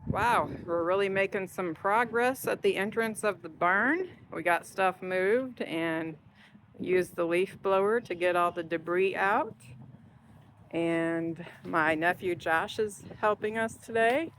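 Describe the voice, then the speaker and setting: A woman's voice: lowish voice, slow pace, a bit bright, a little hiss or hum. A middle-aged woman, congested and nasal from dust, chatting to viewers on her vlog while she works in a barn. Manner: chatty, upbeat, talking to viewers while working. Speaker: vlog host. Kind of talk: casual vlog narration. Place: dusty barn in the country.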